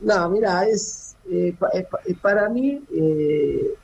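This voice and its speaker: This middle-aged Cape Verdean man, once a footballer, joins a casual radio interview by phone, hesitating often and filling his speech with restarts and fillers. His voice is high, slow, and expressive, with a gravelly, husky, darkish tone. The audio is poor, as expected from a phone call.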